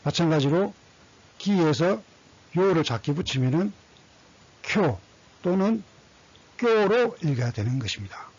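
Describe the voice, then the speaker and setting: A man's voice: on the high side, animated, normal speed, darkish tone, slightly rough, highs cut off. A man teaching a language lesson, reading syllables one by one and repeating set phrases. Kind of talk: slow scripted lesson, reading kana aloud.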